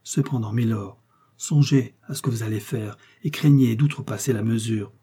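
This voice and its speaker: This is a stern, zealous officer making insistent demands in an audiobook, as a male narrator acts him out, louder than the reader. The voice is dark and husky. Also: mid-range voice, moderate pace. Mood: pleading. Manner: fervent, pleading, insistent.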